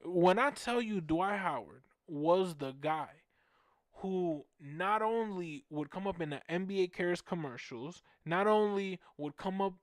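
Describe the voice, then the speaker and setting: A man in his twenties from Orlando hosting a fan show, telling casual stories in an animated, slangy way and repeating phrases for emphasis. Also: high-pitched, a little slow, no echo, studio quality. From Orlando, Florida, USA. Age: 20s. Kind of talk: casual storytelling.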